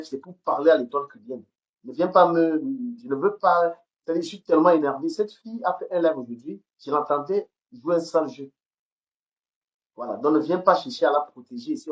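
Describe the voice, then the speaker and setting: A woman delivers a heated livestream rant into her phone. She repeats phrases and stammers as she pushes on, and the audio is dull and lo-fi. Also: low voice. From Cameroon. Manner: heated, repetitive, stammers on words. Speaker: livestream host. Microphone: phone camera.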